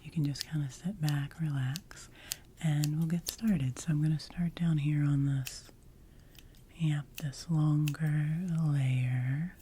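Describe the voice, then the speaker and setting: A woman performs a whispered role-play as a hairdresser, close to the microphone. Her whisper is low, breathy and mellow, with a very unhurried pace. She soothingly repeats short phrases in an ASMR style. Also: steady tone, a little hiss or hum. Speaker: ASMR creator playing a hairdresser.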